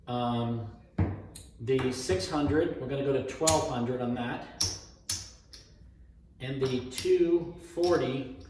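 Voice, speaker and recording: Echoey, slow-talking male craps table caller. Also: medium pitch. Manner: mutters tallies aloud, repeating numbers. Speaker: craps player demonstrating a betting strategy. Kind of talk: craps table caller, calling rolls, bets and payouts. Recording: echoey room, distant mic, faint noise, clicks.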